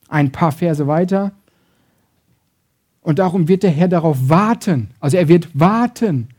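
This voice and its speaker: A man preaching a sermon, switching between loud emphasis and soft, intimate passages, acting out quoted voices and often adding "ne?". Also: on the high side. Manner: acts out quoted voices, uses tag question "ne?".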